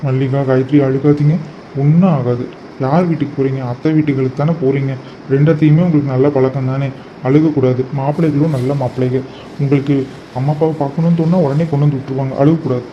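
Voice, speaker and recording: A man voicing a gentle, emotional father in a cartoon who talks softly and pleads with his daughters. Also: mid-range voice, fairly even intonation, fast, slight background noise, close to an everyday voice. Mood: consoling. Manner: soft, pleading, consoling. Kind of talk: cartoon voice acting. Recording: muffled lo-fi recording.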